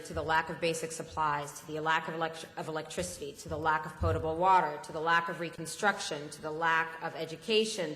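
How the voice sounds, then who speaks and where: A woman giving an impassioned public speech at an assembly, often pausing with fillers. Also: low voice, a bit bright. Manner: impassioned, halting with many fillers. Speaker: speaker at a political assembly. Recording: echoey hall, roomy long reverb.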